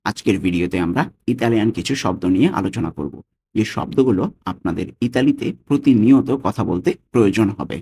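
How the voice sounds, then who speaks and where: A man teaching a vocabulary lesson as a language tutor, repeating each word slowly and stressing it. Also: fairly low pitch, warm tone, slight background noise. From Bangladesh.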